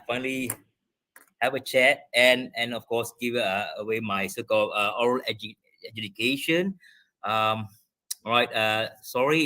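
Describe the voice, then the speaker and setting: Man, debate judge, video call, rambling with lots of fillers, mid-pitched voice. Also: pushed and bright. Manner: rambling, many fillers and restarts. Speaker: debate adjudicator. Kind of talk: spoken feedback on a debate.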